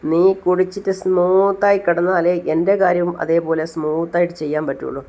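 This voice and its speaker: A man's voice: high voice, little pitch movement, a little fast, darkish tone. A woman voicing a scheming male villain who gloats slyly. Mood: gloating. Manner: gloating, sly.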